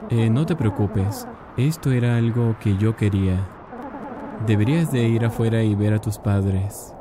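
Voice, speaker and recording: A man's voice: on the low side, unhurried, noisy background, lightly acted. A man voicing a small, timid, apologetic doll boy brought to life by magic, over game music. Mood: gentle. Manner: apologetic, urgent.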